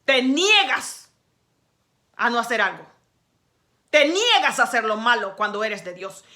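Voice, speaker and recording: A woman preacher delivering a sermon. She speaks straight to the listener, exhorting and scolding. She swings from quiet, low stretches to loud, raised passages. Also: sing-song, a little slow. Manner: emphatic, exhorting the listener directly.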